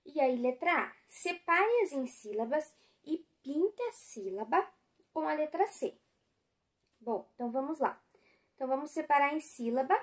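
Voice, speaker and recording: A woman's voice: high voice, lively intonation, normal speed. A woman teacher with a Brazilian Portuguese accent, patiently explaining a school spelling lesson and drawing out words as she goes.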